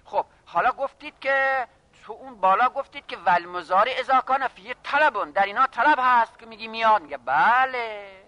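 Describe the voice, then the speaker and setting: A man teaching a classroom lesson on grammar, reading phrases slowly and then explaining them briskly while addressing his students. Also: very high-pitched, lively intonation, sharp tone, no echo, lo-fi sound. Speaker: seminary teacher of Arabic grammar.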